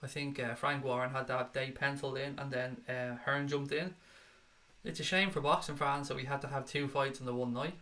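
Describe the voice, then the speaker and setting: A man's voice: medium pitch, bright, forceful tone. An Irish man hosting a casual livestream, reading viewer comments aloud and answering them bluntly, swearing freely. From Ireland. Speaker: livestream host reading chat. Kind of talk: casual chat.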